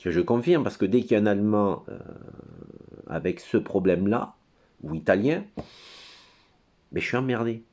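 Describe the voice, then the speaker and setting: A man with a very low voice talks on his own in front of his computer. His monologue is rambling and crude. He hesitates often, stumbles over fillers and wanders off into tangents. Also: normal speed, long pauses, a little mellow. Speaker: commentator.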